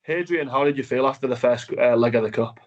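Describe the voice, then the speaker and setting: Chatty northern English host, muffled. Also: male voice, mid-range voice, fast, darkish tone. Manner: chatty, hands questions to guests. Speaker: podcast host. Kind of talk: casual podcast chat. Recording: dull lo-fi audio.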